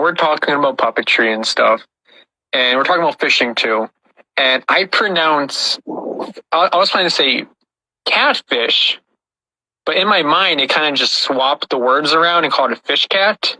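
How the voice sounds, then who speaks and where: Bright-toned man hosting a podcast. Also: fairly high pitch, animated, normal speed, no echo, rough recording. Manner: storytelling with frequent restarts. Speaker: podcast host and puppet creator. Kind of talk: casual podcast chat.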